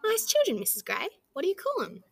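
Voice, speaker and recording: A woman voicing a booming, kindly male kangaroo leader in a storybook reading, loud and decisive. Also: wildly swooping pitch, brisk, vocal fry, full character voice. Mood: booming hearty.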